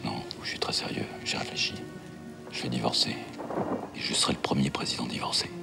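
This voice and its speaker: A gruff commanding president. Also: male voice, deep voice, lively intonation, music in the background. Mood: tender hushed. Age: middle-aged. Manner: gives brisk orders, gruff. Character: older male president, commanding, curt, under strain. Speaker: President of the Republic. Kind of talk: period TV drama acting.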